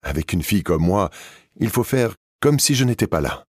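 A man reading an audiobook, voicing an elderly deaf noblewoman in a raised, soft voice with slow, drawn-out phrasing. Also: on the low side, very animated, slightly rough, no echo, clean studio sound, pitched above the performer's own voice. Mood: gentle.

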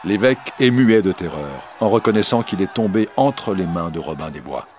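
A man reading a storybook aloud with an expressive, dramatic delivery. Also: low-pitched, normal speed, slight background noise.

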